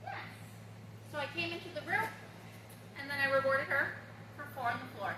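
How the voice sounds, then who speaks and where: A woman's voice: lively intonation, brisk. A woman dog trainer giving an upbeat, instructive demonstration at home, recorded by a camera across the room. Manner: upbeat, instructive, bursts into high-pitched baby talk for the dog. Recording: roomy, distant camera sound, faint room noise.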